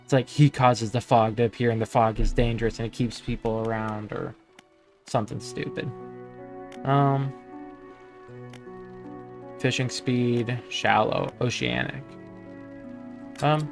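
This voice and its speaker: Give me a man casually narrating gameplay over loud game music. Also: medium pitch, steady tone, a little slow, vocal fry, long pauses. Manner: reads game text aloud, thinks aloud casually. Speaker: gamer.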